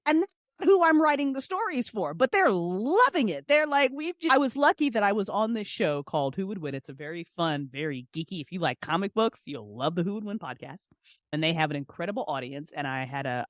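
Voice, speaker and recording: Clean studio sound with no echo carries this woman's mid-range voice as she guests on an interview. She writes and creates a fiction podcast, and her animated, casual talk is effusive and emphatic, full of slangy, repetitive turns of phrase.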